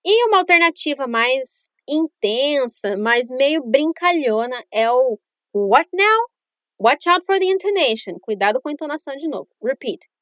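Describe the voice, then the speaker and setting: A woman hosting a bilingual English lesson podcast, speaking clearly and modeling phrases for listeners to repeat. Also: sits high, expressive, normal speed, few pauses, a bit bright, no echo, studio quality. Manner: clear, upbeat teacher modeling phrases for repetition. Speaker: English teacher, podcast host. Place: lives in New Zealand.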